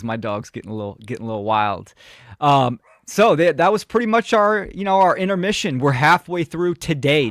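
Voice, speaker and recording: A man hosting an online conference from home, chatty, with fillers, speeding up and slowing down as he introduces the next speaker. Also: medium pitch, no echo, clean studio sound. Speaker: conference host. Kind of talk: casual event introduction. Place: at home with a dog nearby.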